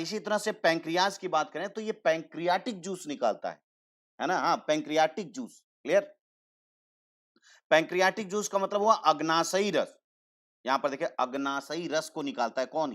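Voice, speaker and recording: A man teaching a science class, slowly repeating terms and asking the class questions before he answers them himself, often calling students "beta". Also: fairly high pitch, fairly bright tone. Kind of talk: online science lesson.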